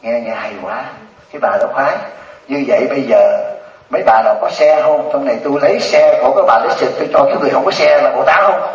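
A man's voice: mid-range voice, quick pace. A man, a Buddhist monk giving a humorous dharma talk and teasing his listeners. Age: 70s. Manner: joking, teasing storyteller. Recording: distant, echoey, dull lo-fi hall recording. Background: audience laughter.

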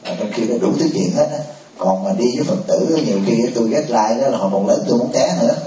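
Casting: male monk moderator, mellow dark tone, chatty and informal, heard from a distance in an echoey hall. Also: mid-range voice, fast, slight background noise. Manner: informal, chatty, joking asides. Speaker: Buddhist monk leading a discussion. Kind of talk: moderating a temple discussion.

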